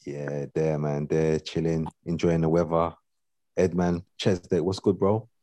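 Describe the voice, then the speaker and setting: A man with a deep voice and a London accent hosts a casual podcast. He talks in upbeat slang and echoes his own phrases, in a very dry recording with no room sound. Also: flat delivery, a little slow, dark tone. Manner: slangy, upbeat, repeats himself. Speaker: podcast host.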